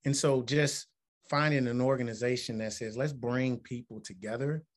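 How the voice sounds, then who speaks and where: A man's voice: mid-range voice, steady tone, normal speed. A man in his forties from Alabama, a musician and motivational speaker, answering interview questions in an earnest, reflective way that builds to emphatic points. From Alabama, United States. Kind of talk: interview conversation.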